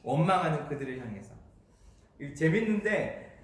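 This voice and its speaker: Male pastor, conversational sermon, high voice, lively swings, chuckles, echoey church hall. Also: moderate pace. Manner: conversational, chuckling, invites congregation to read along. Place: church sanctuary.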